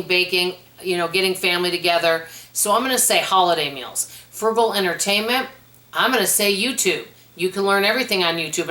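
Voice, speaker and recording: A chatty woman answering viewer questions at home in a casual vlog, telling stories in a lively way. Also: fairly low pitch. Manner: chatty, animated storyteller. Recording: roomy echo.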